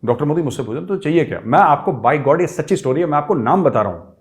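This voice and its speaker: Animated middle-aged male storyteller. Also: on the high side, fast talker. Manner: lively, acts out quoted people with raised voice, mixes English phrases. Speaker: show host telling a personal story.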